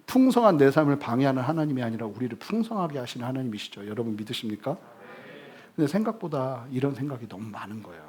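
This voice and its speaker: A male pastor giving a sermon, telling humorous stories with sudden loud bursts. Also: medium pitch, very animated, fast.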